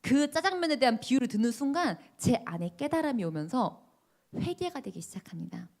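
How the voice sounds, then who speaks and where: A woman's voice: high-pitched, animated, brisk, a little mellow. A woman preaching a sermon, telling her own testimony dramatically and asking the congregation questions. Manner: dramatic storytelling, voices the people in her story.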